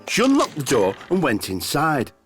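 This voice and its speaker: A woman narrating a children's cartoon in a scripted, expressive storytelling style. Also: low-pitched, normal speed, faint music behind.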